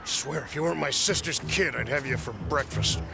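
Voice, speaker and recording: A man's voice: on the high side, brisk, creaky, music in the background. A man voicing a bossy, blustering, theatrical cartoon dog in a comedy film. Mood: blustering, threatening. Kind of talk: comedic film character acting.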